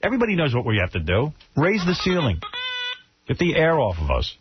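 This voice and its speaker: A man's voice: a little high, wildly swooping pitch, brisk, lo-fi sound, noisy background. Brash, crude-joking radio host man. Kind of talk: casual radio banter. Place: radio studio.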